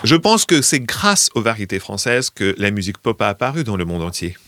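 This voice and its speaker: Hesitant singer, a man with a low voice. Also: big pitch swings, fairly quick, bright, forceful tone, no echo. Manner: hesitant, keeps saying "comme on dit". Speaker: singer promoting his album. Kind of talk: interview answers.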